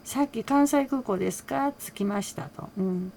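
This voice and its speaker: A woman's voice: a little high, normal speed, vocal fry, a little mellow, slight background noise. A woman hosting her own channel, casually recapping a radio interview, talking with a lot of fillers and small laughs. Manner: chatty, relays quotes with small laughs and many fillers. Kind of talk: casual solo commentary.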